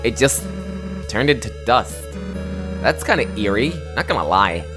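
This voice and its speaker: A man's voice: on the low side, very animated, unhurried, voice pushed down. A man voicing a brash, tough young female monster who talks in a blunt, slangy mumble. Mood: puzzled. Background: game music.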